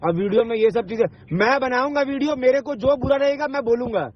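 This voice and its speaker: A very high-pitched man with a breathy edge talks fast in a heated phone argument. The online video maker is confrontational and insistent, swearing and repeating himself, on a recorded call with dull lo-fi sound.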